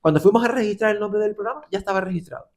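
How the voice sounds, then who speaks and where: A middle-aged man from Las Palmas de Gran Canaria, Spain, speaks in a high, racing voice with a Canarian Spanish accent. He's a radio presenter appearing as a podcast guest, telling stories in an animated way and voicing the people he quotes.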